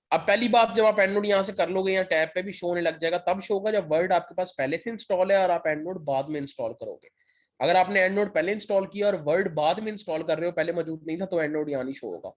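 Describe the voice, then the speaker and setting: A man walks his students through a software tutorial one step at a time. His throat is sore, and he keeps pausing to check that everyone is following. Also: sits high. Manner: step-by-step, repeats "ठीक है" to check in. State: sore throat, occasional cough. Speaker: lecturer. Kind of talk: screen-share software tutorial.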